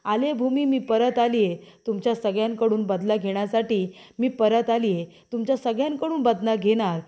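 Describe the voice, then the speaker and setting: A woman's voice: a little high, normal speed, warm tone, close to an everyday voice. A woman voicing a vengeful female villain who taunts and repeats her threats of revenge. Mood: taunting.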